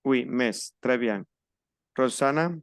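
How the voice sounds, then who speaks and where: A man leads a French class over a video call and patiently slows down to model each word. His voice is smooth and resonant, with a dry, close sound. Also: mid-range voice, no echo. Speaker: French teacher. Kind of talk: online class instruction.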